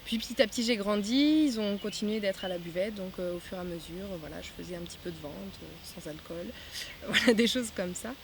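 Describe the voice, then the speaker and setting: A woman's voice: medium pitch, brisk, a little hiss or hum. A woman in her twenties, a festival volunteer, answering interview questions casually with many hesitant fillers. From France. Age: 20s.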